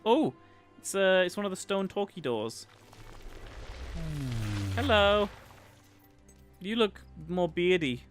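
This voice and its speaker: A man with a northern English accent giving jokey, excitable commentary while livestreaming a video game. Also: on the high side. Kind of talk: casual gameplay commentary.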